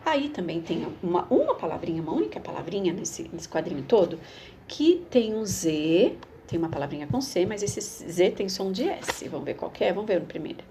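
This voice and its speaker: A woman's voice: fairly low pitch, big pitch swings, warm tone, a little hiss or hum. A woman teacher, reading a schoolbook aloud and explaining it patiently to young children. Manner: patient, explains slowly, repeats words for children.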